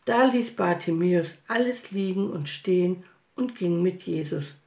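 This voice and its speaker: A woman narrating a children's Bible story in an expressive, lively storytelling manner. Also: on the low side, unhurried, vocal fry. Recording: roomy echo.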